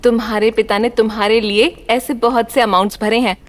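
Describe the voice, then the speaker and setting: A woman's voice: a little high, level tone, fairly quick, close to an everyday voice. A woman playing a scolding middle-aged mother. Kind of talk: Hindi film dub. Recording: film soundtrack with music.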